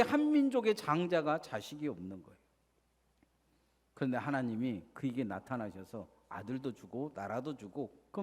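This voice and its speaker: A man pastor delivering a Sunday sermon, asking rhetorical questions and leading the congregation to repeat after him. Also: fairly high pitch. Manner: preaching with rhetorical questions and call-and-response. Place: church sanctuary. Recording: church sanctuary with long reverb.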